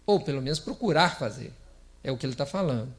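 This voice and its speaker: Here the Brazilian man talks fast in an animated, mid-range voice. It's a lighthearted, chatty spiritist lecture in the hall of a spiritist center, full of laughter and questions aimed at the audience.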